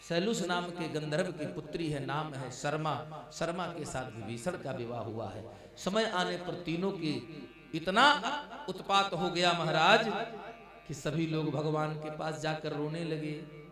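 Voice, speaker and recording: A man's voice: on the high side, unhurried, a bit bright, distant mic. A man preaching a devotional story sermon, acting out the dialogue and calling his listeners "maharaj". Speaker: Ram Katha preacher. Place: large live discourse venue. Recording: echoey live hall sound from afar, with music.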